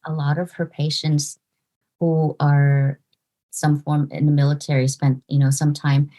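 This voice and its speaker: A woman in her forties from the Philippines, a podcast guest speaking in an earnest, halting way with fillers and restarts. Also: deep voice, flat delivery, dark tone. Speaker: podcast guest, nurse practitioner. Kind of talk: casual interview conversation.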